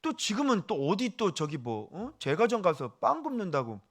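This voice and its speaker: Animated high-voiced male pastor preaching. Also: normal speed. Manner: animated, exclaiming and questioning the congregation. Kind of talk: sermon.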